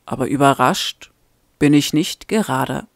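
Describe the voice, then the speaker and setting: A woman reading a fan-made audiobook, voicing a gruff, blunt male vampire lover in a lowered, curt, measured voice. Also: dry recording, clean studio sound.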